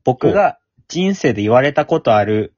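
A man co-hosting a casual podcast chat, mumbling his words and talking quickly with a jokey, defensive manner. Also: mid-range voice, lively intonation, darkish tone, no room sound. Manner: talks fast, jokey and defensive. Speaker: podcast co-host. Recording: dull lo-fi dry recording.

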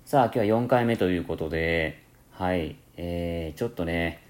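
A man from Kansai with a Kansai-tinged accent mixed with standard speech, hosting a casual solo radio talk, rambling with many fillers and self-corrections. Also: moderate pace. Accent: Kansai mixed with standard Japanese. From Kansai, Japan. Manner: lively rising and falling pitch. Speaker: podcast host.

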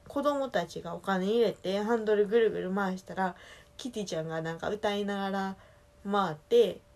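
A woman from Osaka speaking with a Kansai accent, chatting casually alone in a relaxed, rambling way that keeps correcting itself. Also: medium pitch, a little fast. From Osaka, Japan. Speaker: solo podcast talker. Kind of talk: casual solo chat.

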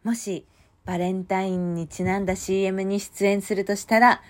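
A young woman hosting a casual solo podcast late at night, chatty and lively, often bursting into a louder voice. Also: mid-range voice, normal speed, heavy background noise. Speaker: podcast host. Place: home at night.

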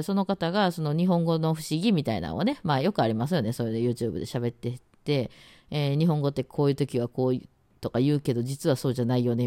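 A woman's voice: rumbling low, warm tone, no echo. A woman with an Osaka accent chatting casually on her own podcast, rambling with many fillers and trying words out aloud. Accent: Osaka dialect. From Osaka, Japan. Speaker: radio talk host and musician. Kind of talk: casual solo podcast chat.

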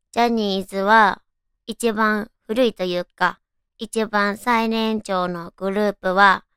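Female radio host, high cute anime-girl tone, very clear with noticeable fry, chatty and informal. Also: a bit bright, no room sound, studio quality. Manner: chatty, musing aloud to listeners. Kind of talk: casual solo radio chat.

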